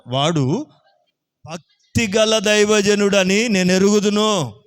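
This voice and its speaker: A pious, gracious wife speaks with earnest respect, as a male preacher puts her on. Her lines come in a raised, fairly high voice. They are set inside a sermon's retelling of a Bible story. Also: slow, clear, resonant tone.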